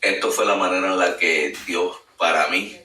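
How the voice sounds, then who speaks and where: A man's voice: low-pitched, fairly even intonation, moderate pace, pushed and bright. A man giving an earnest spoken testimony, full of fillers. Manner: earnest, storytelling with many fillers. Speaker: guest sharing a testimony. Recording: echoey room, distant mic, faint noise.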